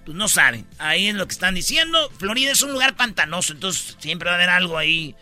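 A man's voice: high voice, very animated, fast talker, pushed and bright, faint music behind. A man with a Mexican accent hosting a comedic talk show, joking in casual slang. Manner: joking, slangy, with mock-quoted voices. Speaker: show host.

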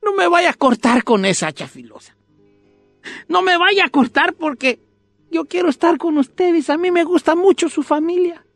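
A woman's voice: extremely high pitch, lively intonation, moderate pace, dry recording, faint music behind, pitched above the performer's own voice. A woman voicing a small, frightened male Christmas tree that begs and cries out in pain. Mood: pleading. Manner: whimpering, begging, cries out in pain.

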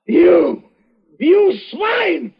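A man's voice: medium pitch, animated, measured pace, husky, in a large hall. An actor playing a vain, murderous male professor in a 1940s radio drama, sneering and theatrical, on a lo-fi old recording. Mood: panicked. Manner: sneering, then hysterical screaming. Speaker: villain.

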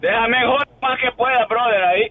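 Casual male phone-in caller, high voice, thin mobile sound, lots of slang. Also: a little fast, slight background noise. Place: driving a truck. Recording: tinny mobile phone line from vehicle.

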